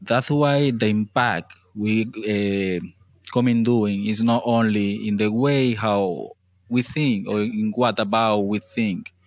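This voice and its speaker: A man with a Colombian accent, a native Spanish speaker, interpreting in simple English with halting non-native phrasing. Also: lowish voice, no room sound.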